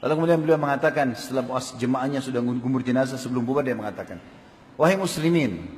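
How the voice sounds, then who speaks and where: A male preacher giving a sermon, telling stories in an animated way and questioning the audience. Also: mid-range voice, racing. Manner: animated storytelling with questions to the crowd. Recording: long hall reverb.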